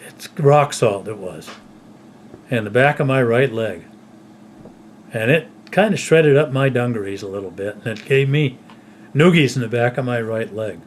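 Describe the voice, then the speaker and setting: An older man at home casually telling stories from his childhood, unhurried and rambling, often trailing off softly at the end of a phrase. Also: mid-range voice, slight background noise. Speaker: storyteller recalling his childhood.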